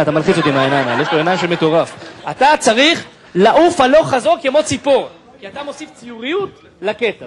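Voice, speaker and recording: Comedian for stand-up crowd work: man, very high voice, teasing and bossy, over a loud live audience. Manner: teasing, bossy director banter. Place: stage before a live audience. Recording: live show with audience noise.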